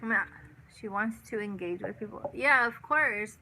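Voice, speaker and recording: A woman's voice: medium pitch, normal speed, pushed and bright, a little hiss or hum, poor audio. A woman in her thirties hosting a casual live chat, answering viewers and repeating herself with lots of "you know" and "like". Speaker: livestream host.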